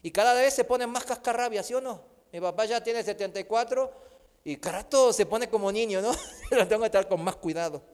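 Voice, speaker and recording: Brief: middle-aged male pastor, emphatic sermon with humor, high voice, reverberant hall. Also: a little fast, darkish tone, clean tone. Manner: emphatic, with humorous personal anecdotes.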